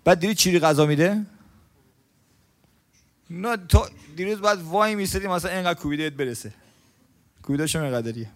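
A man giving a colloquial sermon in a mosque, telling stories and asking the congregation questions, swinging between loud stresses and hushed lines. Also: on the high side, pauses often. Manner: storytelling, asks the congregation questions. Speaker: preacher.

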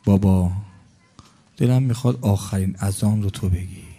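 A man's voice: fairly low pitch, warm tone, pitched below the performer's own voice. A man voicing a sorrowful holy father tenderly pleading with his son, within a mourning sermon.

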